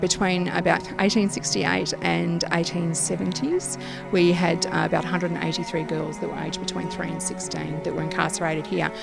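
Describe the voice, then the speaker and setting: Lower-pitched, creaky Australian woman guide. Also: little pitch movement, normal speed. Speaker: ghost tour guide being interviewed. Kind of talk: informative interview talk about local history. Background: music.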